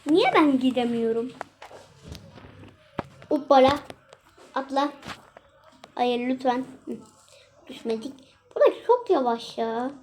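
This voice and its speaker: A woman's voice: high voice, animated, slow, pauses often, darkish tone, slight background noise. A young woman chatting casually and exclaiming as she plays a mobile game for her channel. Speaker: gaming channel host.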